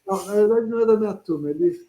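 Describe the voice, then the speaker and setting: Man, interview host, high voice, mellow tone, hesitant casual talk. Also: rapid-fire, poor audio. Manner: hesitant, restarts sentences.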